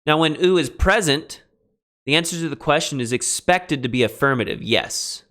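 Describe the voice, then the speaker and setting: A man teaching a lecture on biblical Greek grammar, emphatic and lively, with quick asides to his students. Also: a little high. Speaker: Greek instructor. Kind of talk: recorded classroom lecture.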